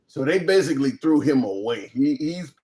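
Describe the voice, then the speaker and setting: This man's voice is mid-pitched, mellow and animated, moving at a moderate pace. He's running a casual live political commentary stream, blunt and informal in tone, with occasional swearing and phrases repeated for emphasis.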